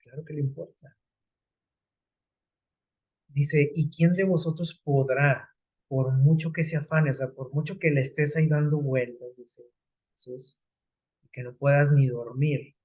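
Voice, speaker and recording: Man, sermon, conversational, rhetorical questions, husky, warm tone. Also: on the high side, steady tone, a little slow, pauses often, low-quality recording. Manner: conversational, explains scripture with everyday examples and rhetorical questions. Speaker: preacher.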